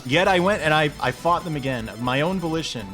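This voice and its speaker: A man's voice: fairly high pitch, expressive, brisk, a bit bright, faint music behind. A man streaming a retro video game live, chatting and joking with his viewers as he plays. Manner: jokey, chatty, laughs often, talks to chat. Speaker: streamer playing retro games. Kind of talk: casual live game commentary.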